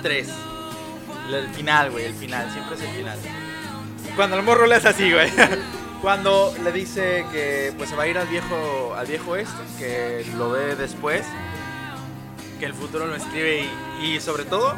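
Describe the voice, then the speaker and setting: A man's voice: on the high side, a little slow, music in the background. A man with a Mexican accent telling stories in a casual chat, full of slang and swearing. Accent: Mexican Spanish. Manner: animated storytelling, heavy slang and swearing. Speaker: podcast co-host. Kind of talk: casual chat among friends.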